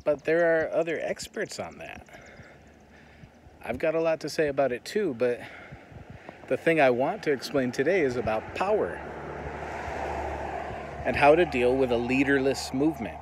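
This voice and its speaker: A man's voice: mid-range voice, animated, normal speed, long pauses, a little hiss or hum. A man with an American accent giving an earnest, reflective monologue as he walks and talks. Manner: earnest, reflective, talking while walking. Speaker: vlogger. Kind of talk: walk-and-talk monologue. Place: on the move while walking.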